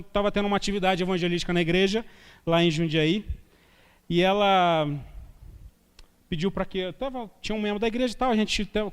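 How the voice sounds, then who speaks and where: A man's voice: high-pitched, clean tone. A man preaching a sermon as a guest pastor, talking in a conversational way, telling anecdotes and asking rhetorical questions. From Brazil. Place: church sanctuary. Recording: long church reverb from a live stream.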